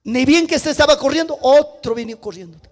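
A man preaching a sermon, telling a story dramatically and swinging between loud and hushed. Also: extremely high pitch, brisk. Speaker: pastor.

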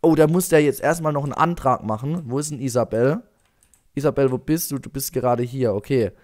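A man's voice: medium pitch, brisk, darkish tone. A young man commenting on his life-simulation game, chatting away to his characters and coaxing them along. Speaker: gaming YouTuber. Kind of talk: Let's Play commentary.

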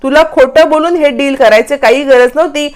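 A man's voice: very high voice, fairly quick. A woman voicing an angry young husband who feels betrayed, speaking in an accusing, bitter way.

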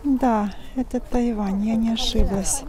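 A woman vlogging as she browses an outdoor flea market, musing slowly and often half-whispering to the camera. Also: a little high, fairly even intonation. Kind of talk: casual narration while shopping. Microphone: handheld phone camera. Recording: outdoor market crowd noise. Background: crowd chatter.

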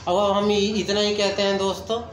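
High-voiced man vlogging from a phone. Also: level tone, moderate pace. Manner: chatty, repeats "जी" to agree. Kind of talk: casual selfie vlog and interview. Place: small dental clinic office, indoors. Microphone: phone at arm's length. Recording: echoey room with clear background noise.

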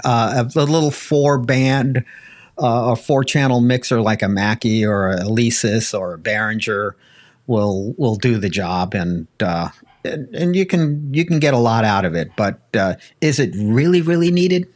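An older American man with an average-pitched voice gives casual technical advice. He speaks in a folksy, conversational way. He sits close to a desk microphone. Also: expressive, normal speed. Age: older, around 60s. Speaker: ham radio panelist. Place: home radio room, indoors, video call. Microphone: close desk microphone with headphones.

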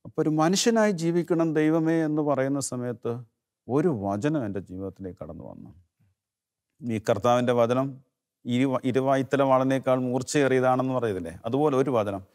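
Speaking with an interviewer, a middle-aged Kerala man recounts his emotional personal testimony of faith in an earnest, mid-range voice with lively intonation. He often stops and starts over, and his voice falls low and quiet at the most moving moments.

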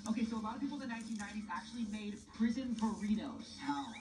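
A woman hosting a casual food challenge vlog, tasting things with playful, animated reactions. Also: medium pitch, rapid-fire, far from the mic, slight background noise. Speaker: host. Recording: echoey room, away from the mic.

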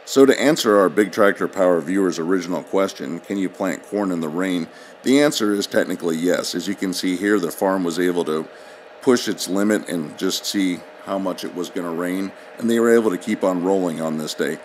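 A man giving steady, explanatory scripted voice-over narration. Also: sits low, fairly quick, slight background noise. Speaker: channel narrator.

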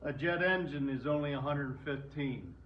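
A man's voice: fairly high pitch, normal speed, lo-fi sound. An older man, speaking informally to an audience as the whistle player, plain and folksy with restarts, in an indoor room.

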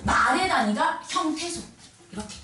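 A woman teaching a middle school Korean class in a classroom, animated and sing-song, with quick asides to her students. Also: high voice. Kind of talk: classroom lecture. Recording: echoey classroom from far off, faint noise.

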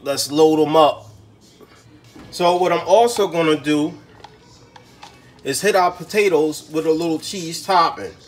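A man's voice: on the high side, unhurried, pauses often, soft background music. A man hosting a home cooking show, talking casually to viewers in slang while he fills potatoes. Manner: slangy, chatty, talks to viewers as he cooks.

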